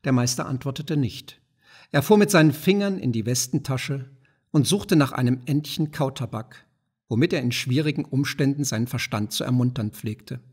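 A man narrating a classic novella as an audiobook reader, in a measured, even storytelling manner. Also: medium pitch, breathy edge.

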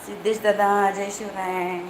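A woman's voice: mid-range voice, level tone, normal speed, a little mellow, a little hiss or hum, low-quality recording. A woman hosting a casual livestream, greeting viewers by name and reading their comments out while she chats from a window at home. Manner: shows birds from her window and chats about them. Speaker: livestream host.

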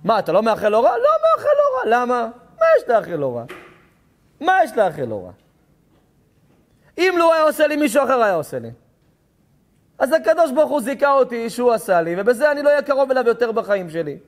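A rabbi delivering a sermon, telling stories with passion, acting out dialogue and rising to shouts at times. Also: male voice, extremely high pitch, very animated, pauses often.

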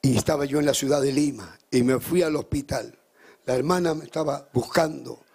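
Male pastor, live sermon: gravelly, husky, fervent, swings from loud climaxes to hushed storytelling. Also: moderate pace. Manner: fervent preaching that climbs high and loud, then drops into hushed storytelling.

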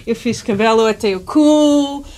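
A woman in her thirties from Canada, a guest in a small podcast studio, chatting in a halting way, often searching for words and letting phrases trail off softly. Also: a little high. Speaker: guest musician. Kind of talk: casual interview chat.

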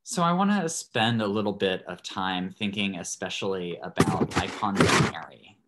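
A man's voice: sits low, lively intonation, normal speed, fairly bright tone, slight background noise. A man, a priest, giving a thoughtful parish class over a video call, loosely phrased with many restarts. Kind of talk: online parish talk.

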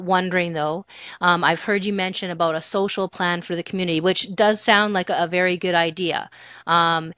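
A woman's voice: fairly low pitch, pushed and bright, no room sound. A woman city councillor politely asking presenters a question at a council meeting, speaking into a table microphone. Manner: polite, measured and appreciative. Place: council chamber.

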